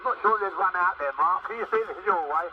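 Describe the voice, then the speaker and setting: Over CB radio, a man banters casually and teasingly in a high voice, talking fast. The transmission sounds distant and muffled, with loud static.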